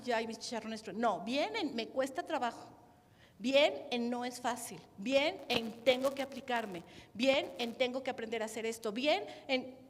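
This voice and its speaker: A Mexican woman preaching a sermon to a gathering, animated and full of rhetorical questions tagged at the end. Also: a little high. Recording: reverberant hall sound.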